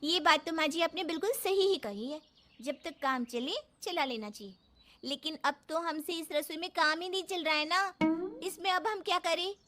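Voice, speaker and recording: A woman's voice: extremely high pitch, normal speed, pushed and bright. A woman voicing a young daughter-in-law who complains politely in a cartoon story. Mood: pleading.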